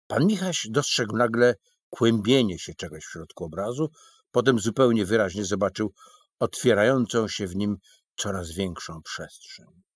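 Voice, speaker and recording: Male audiobook narrator, slow expressive storytelling, low husky voice, lively pitch. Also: no echo. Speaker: audiobook reader.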